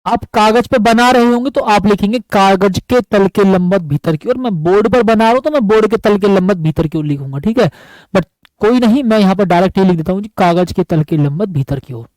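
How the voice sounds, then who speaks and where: A man's voice: high-pitched, brisk, darkish tone, dry recording, low-quality recording. A man teaching physics at a board in an affectionate, repetitive way, often calling his students buddy. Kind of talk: board lecture.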